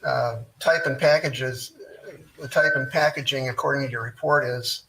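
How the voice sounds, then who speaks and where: A man's voice: medium pitch, steady tone, creaky. Courtroom recording, male defense attorney, mid-range voice, faint hiss, methodical cross-examination. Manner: measured, methodical questioning with frequent "uh" pauses. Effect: courtroom recording played into the show. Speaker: defense lawyer.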